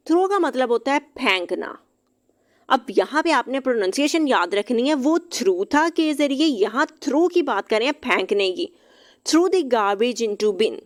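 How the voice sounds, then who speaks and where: Woman teaching English words in Hindi-Urdu. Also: sits high. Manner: reads English examples slowly, then explains briskly; spells words out letter by letter. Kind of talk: vocabulary lesson explained in Hindi-Urdu.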